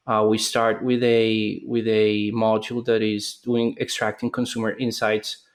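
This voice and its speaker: A man in his thirties from Colombia, a startup founder answering interview questions in a thoughtful way, with hesitations and restarts. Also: medium pitch.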